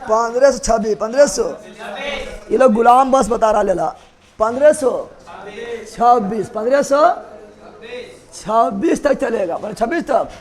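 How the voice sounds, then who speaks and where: High-voiced man teaching history. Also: normal speed, pauses often. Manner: repetitive, quizzing students, joking rhymes. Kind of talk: classroom lecture with mnemonics.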